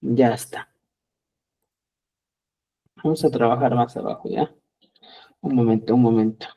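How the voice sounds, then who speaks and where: A middle-aged man teaching a live Quechua lesson, lively and acting out both sides of short dialogues, often checking with viewers and calling them dear friends. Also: medium pitch, a little slow, slightly rough. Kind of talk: live online language lesson.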